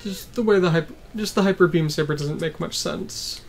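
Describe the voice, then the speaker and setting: A woman with a somewhat low voice casually chats while co-hosting a let's play. She talks quietly and offhandedly, reading game text along the way. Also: normal speed, creaky. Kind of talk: casual chat while playing.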